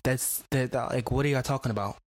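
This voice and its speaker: A woman's voice: a bass voice, quick pace, darkish tone. A woman co-hosting a podcast in casual chat, blunt and profane, full of fillers. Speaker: podcast co-host.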